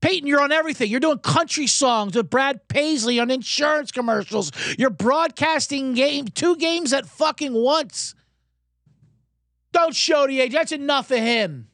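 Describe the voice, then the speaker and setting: He's a sports betting podcast host with a very high, fairly bright voice, speaking at a moderate pace with few pauses. The clean studio recording has no echo. His chat is casual and profane, rambling along with jokes, riffs, and mock accents.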